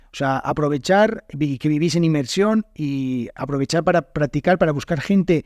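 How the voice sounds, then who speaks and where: A man's voice: on the high side, normal speed, darkish tone, no room sound, studio quality. A man from northern Spain with a northern Spanish accent, hosting an unscripted podcast as a Spanish teacher and talking thoughtfully, with frequent fillers and self-corrections. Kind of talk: solo podcast monologue.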